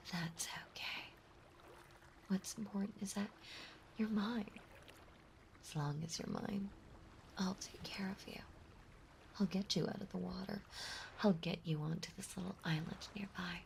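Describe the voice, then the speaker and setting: Soft, breathy and drawn out, a voice actress's delivery brings to life a sweetly obsessive young mermaid, clingy and possessive in yandere fashion, for an intimate ASMR roleplay audio. Her voice is mid-range and gravelly, set against ocean ambience effects, water sounds and faint background noise.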